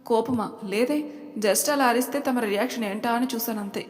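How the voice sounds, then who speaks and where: A woman's voice: a little high, normal speed, in a large hall, lightly acted. A woman voicing a playful young woman who pretends to be stern with her boyfriend. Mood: mock-stern.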